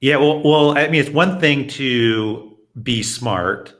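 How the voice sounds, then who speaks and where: A man's voice: medium pitch, takes it slowly, a bit bright. A man hosting a casual interview, asking curious, friendly questions with lots of fillers. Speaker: host.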